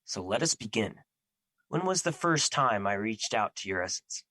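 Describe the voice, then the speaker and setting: A male actor plays a grave, ageless embodiment of fear in an audio drama. He is protective and remorseful, speaking in formal, stilted phrases. The tone is bright and forceful, the recording close and dry. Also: lowish voice, sing-song, moderate pace, no echo, full character voice. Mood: calm, reassuring. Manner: formal, stilted, earnest phrasing without contractions. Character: Fear personified, solemn male immortal entity, remorseful and protective.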